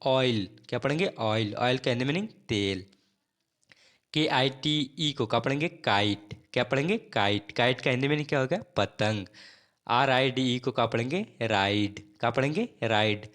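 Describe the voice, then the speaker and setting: A man's voice: medium pitch, normal speed, fairly bright tone. Man teaching English words, spelling them out, repeating each one, patient drill. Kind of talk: spelling and pronunciation lesson.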